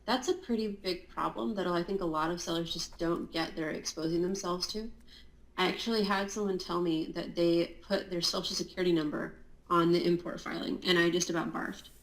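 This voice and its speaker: A woman with a somewhat low voice, speaking in a chatty, explanatory way with plenty of fillers. She has a just-woken morning voice. Her voice carries a roomy echo. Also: steady tone, brisk. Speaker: guest, Amazon compliance consultant. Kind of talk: casual interview talk.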